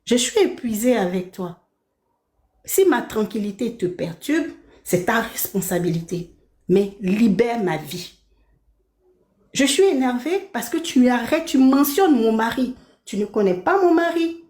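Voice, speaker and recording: Brief: woman streamer, higher voice, heated rant, keeps asking "d'accord?", echoey room. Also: big pitch swings, a little slow, darkish tone. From Belgium. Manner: indignant, repeats her points, asks "d'accord?". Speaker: live streamer. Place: her apartment.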